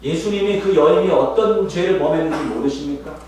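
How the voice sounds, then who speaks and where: A male pastor preaching a sermon, talking straight to his congregation, with sharp rises and drops in his voice for emphasis. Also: fairly high pitch, brisk. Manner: lively, rising and dropping sharply for emphasis, addresses congregation directly. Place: church sanctuary. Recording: echoey sanctuary, mic at a distance, faint noise.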